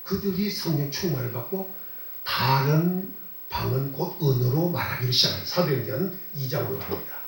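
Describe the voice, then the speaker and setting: A man's voice: mid-range voice, lively intonation, moderate pace. A man, a pastor, gives a sermon in a conversational way, asking rhetorical questions and repeating phrases for emphasis. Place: church sanctuary. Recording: very echoey and distant from the mic.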